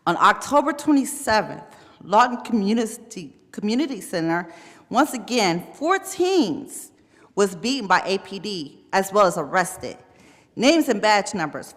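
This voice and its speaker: A woman giving a confrontational public comment at a council podium, rising to shouting. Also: medium pitch. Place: city council chamber. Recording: echoey hall with long reverb.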